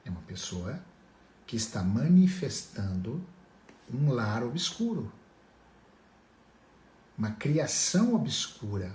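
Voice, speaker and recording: A man's voice: mid-range voice, very animated, takes it slowly, pauses often, darkish tone, reverberant. A man giving a motivational talk on family healing, asking his listeners direct rhetorical questions.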